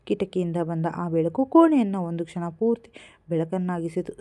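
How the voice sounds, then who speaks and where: Low, mellow woman storyteller. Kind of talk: first-person story narration.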